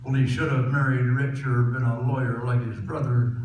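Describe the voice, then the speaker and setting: A man's voice: mid-range voice, little pitch movement, normal speed. A man with a cowboy twang recites folksy poetry to a live audience. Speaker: cowboy poet. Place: echoey room before a laughing audience. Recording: echoey hall from far off, loud noise.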